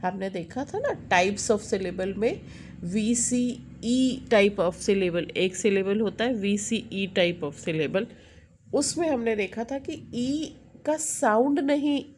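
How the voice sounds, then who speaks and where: A woman's voice: mid-range voice, darkish tone, slight background noise. A middle-aged woman teaching an English lesson in Hindi mixed with English, often checking in with the listener and correcting herself.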